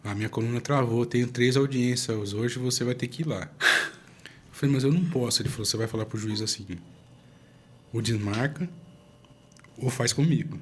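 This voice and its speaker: Relaxed Brazilian man hosting a chat. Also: medium pitch, normal speed, pauses often, husky. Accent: Brazilian Portuguese, São Paulo area. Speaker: podcast host, lawyer. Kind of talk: casual interview chat.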